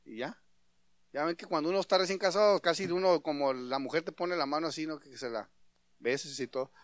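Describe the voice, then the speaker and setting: A man preaching a sermon as a pastor, animated and acting out dialogue in his stories. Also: a little high, quick pace, no echo.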